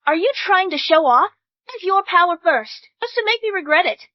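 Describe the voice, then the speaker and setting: Shrill, snobbish rich mother-in-law. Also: expressive, moderate pace, no room sound. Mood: scornful. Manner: haughty, insulting. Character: snobbish, scornful wealthy middle-aged mother-in-law. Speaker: groom's mother. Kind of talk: English drama dub. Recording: dull dry studio dub.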